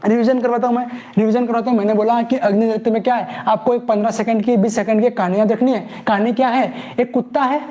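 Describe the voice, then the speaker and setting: A man's voice: very high-pitched, steady tone, quick pace, few pauses, warm tone. A man teaching an exam-prep class, playfully asking questions and answering them himself while drilling memory tricks. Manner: playful call-and-response, repeats each key word with mnemonic stories.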